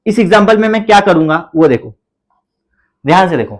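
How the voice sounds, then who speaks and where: Fast-paced and lively in intonation, a high-pitched man with an Indian accent teaches chemistry to a class. He repeats questions, answers them himself, and chants counts playfully. The recording quality is low.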